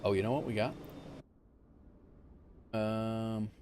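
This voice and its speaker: A man giving casual livestream commentary on a flight simulator game, informal and thinking out loud. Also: on the low side, steady tone, takes it slowly, a little hiss or hum.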